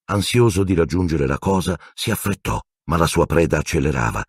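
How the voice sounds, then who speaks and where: A man narrating an audiobook with expressive storytelling. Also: very deep voice, brisk, slightly rough, no room sound, clean studio sound. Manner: expressive storytelling, voicing every character.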